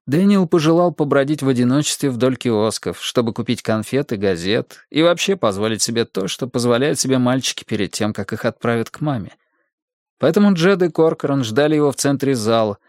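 A man reading a novel aloud in a measured, even narration. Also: medium pitch, no echo, clean studio sound. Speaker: audiobook narrator. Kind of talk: scripted narration.

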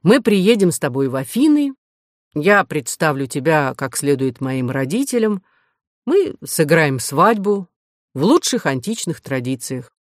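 Young male hero, read by a woman: polite, stubborn, measured, lowish and dry. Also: sing-song, no echo. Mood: placating. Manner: measured, placating. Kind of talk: audiobook character voice.

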